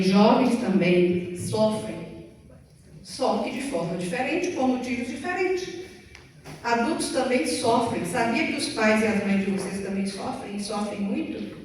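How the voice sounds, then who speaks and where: A woman's voice: fairly high pitch, a little mellow, a little hiss or hum. A middle-aged Brazilian woman preaching to teenagers in a church, chatty and playful, acting out little stories. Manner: playful, chatty, acts out quotes. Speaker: youth service speaker. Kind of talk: sermon to teenagers. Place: church hall. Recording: echoey hall from far off.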